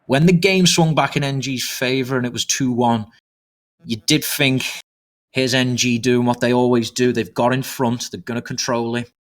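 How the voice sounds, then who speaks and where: A man doing fast live play-by-play commentary on an online soccer match, jumping up in excitement at goals and a little out of breath. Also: medium pitch. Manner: excitable, rapid, rises sharply on goals. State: slightly out of breath. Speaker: esports commentator.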